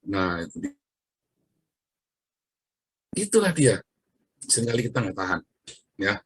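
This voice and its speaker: A man's voice: fairly low pitch, very animated, a little slow, fairly bright tone, husky. A man preaching a casual, conversational sermon, chatting with his listeners and laughing often between remarks.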